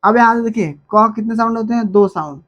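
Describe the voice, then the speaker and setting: A woman teaching a phonics lesson, repeating example words slowly with stretched emphasis. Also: a little high.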